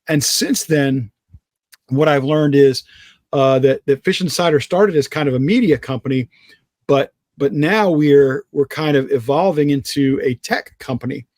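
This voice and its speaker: A man's voice: fairly high pitch, unhurried, dry recording. Self-assured man, dry close sound. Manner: energetic, self-assured, joking. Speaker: podcast guest, fishing industry businessman. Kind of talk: casual interview chat.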